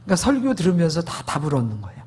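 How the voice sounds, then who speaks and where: A man's voice: on the high side, huge pitch swings, racing, a little mellow, slightly rough. A man preaching a sermon testimony, emphatic, asking the congregation rhetorical questions.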